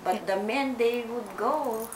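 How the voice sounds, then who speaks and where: Slow older woman. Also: fairly high pitch, reverberant, a little hiss or hum, poor audio. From Philippines. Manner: slow, hesitant, with many fillers and restarts. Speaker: interviewee. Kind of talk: oral history interview.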